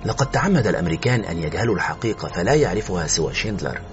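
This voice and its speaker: A man narrating a suspense story as an audiobook, expressive and tense, in a slightly muffled recording with faint music. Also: deep voice, racing.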